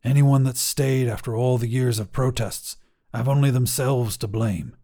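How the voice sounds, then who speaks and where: A man's voice: a little high, animated, moderate pace. A man reading a story, voicing an uneasy but determined male leader of a land heist who gives clipped, strained commands.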